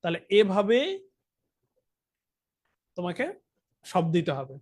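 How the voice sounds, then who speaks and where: A man's voice: high-pitched, lively intonation, slow, a little mellow. A young man with a Bangladeshi Bengali accent, teaching an accounting lesson online. He talks straight to his students and keeps asking whether they follow. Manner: talks directly to students, asks frequent check questions. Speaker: accounting tutor. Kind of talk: online lesson, explaining while writing on a tablet.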